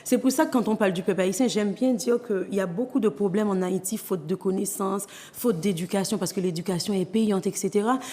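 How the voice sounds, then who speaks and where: A woman's voice: medium pitch, a little fast, hardly any pauses, dark tone, big-room sound. A Haitian woman in her thirties with a Haitian accent, speaking earnestly and with many hesitations as an author giving an interview. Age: 30s. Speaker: guest author. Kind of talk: interview testimony.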